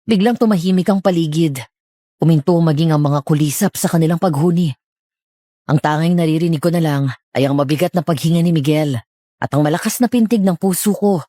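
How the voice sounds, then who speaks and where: A woman's voice: low voice, fairly quick, warm tone, no echo, studio quality. A woman narrating a horror story in the first person with dramatic delivery.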